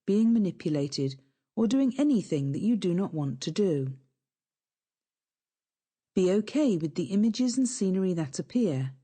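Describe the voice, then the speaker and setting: A woman narrating a scripted guided hypnosis session in a calm, soothing, instructive way. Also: fairly low pitch.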